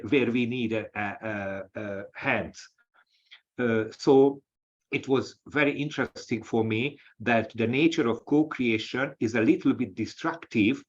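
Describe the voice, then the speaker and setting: Brief: Hungarian-accented male academic, halting webinar delivery, mid pitch, dull lo-fi audio. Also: breathy edge. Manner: halting, with frequent restarts and fillers. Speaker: webinar speaker, associate professor. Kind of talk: lecture-style webinar talk. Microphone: video call.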